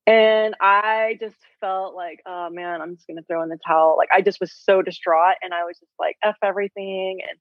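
A woman's voice: on the low side, moderate pace, few pauses, no room sound. A woman in her forties, a health coach, telling her story in an interview in a chatty way, with lots of fillers. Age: 40s. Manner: chatty, filler-heavy, animated retelling. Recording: dry, tinny phone-like audio.

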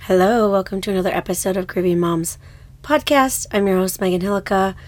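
A woman's voice: medium pitch, fairly quick. A woman hosting a podcast as a grief coach, talking casually while still getting over a cold, her voice a bit off, reflective with fillers and small laughs. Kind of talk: casual solo podcast talk.

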